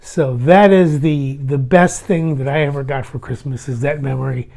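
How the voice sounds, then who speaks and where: A man in his sixties telling a holiday memory to his grown children in a gentle, rambling way, with many fillers and restarts. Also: medium pitch, fairly even intonation, moderate pace, gravelly. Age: 60s. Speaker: family vlogger. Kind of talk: casual storytelling to family.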